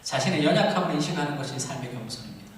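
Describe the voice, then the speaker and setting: A man's voice: mid-range voice, lively intonation, very fast, a little hiss or hum. A male pastor preaching to a youth service, passionately acting out quoted prayers. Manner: impassioned, acts out quoted prayers loudly. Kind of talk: sermon. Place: church sanctuary. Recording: echoey hall, voice from far off.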